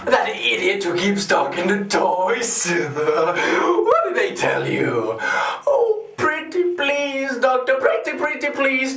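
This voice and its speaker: An actor playing a deranged, gleeful, sadistic clown supervillain in a theatrical monologue, mocking and erratic, recorded with a roomy echo. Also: male voice, high voice, gravelly, far from the mic, full character voice. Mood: taunting, gleeful. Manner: theatrical, mocking, erratic swings between whispering and shouting.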